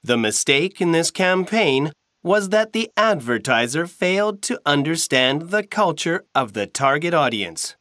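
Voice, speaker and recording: Very slow, lively male textbook narrator. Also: a little high, dry recording, clean studio sound. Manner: slow, carefully enunciated reading. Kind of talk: scripted reading of a textbook passage.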